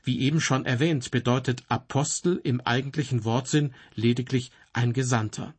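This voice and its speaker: Husky man giving earnest Bible teaching. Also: mid-range voice, fairly even intonation, normal speed.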